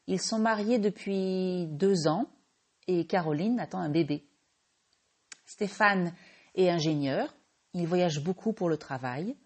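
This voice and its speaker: A French woman from France who teaches her language hosts a podcast lesson, speaking slowly and clearly in a lowish voice. She patiently corrects her own small slips as she goes.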